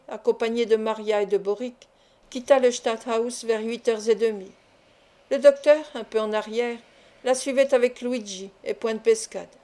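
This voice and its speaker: A woman narrating a classic adventure novel as an audiobook, in a measured, clear storytelling delivery. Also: fairly high pitch, dark tone. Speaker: audiobook reader.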